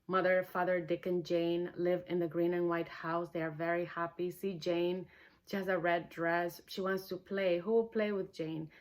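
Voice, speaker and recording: Hosting a book read-along, a woman whose first language isn't English speaks earnestly and heartfelt, in a lowish voice with little pitch movement at a moderate pace. She opens with a warm personal introduction, then reads a novel aloud.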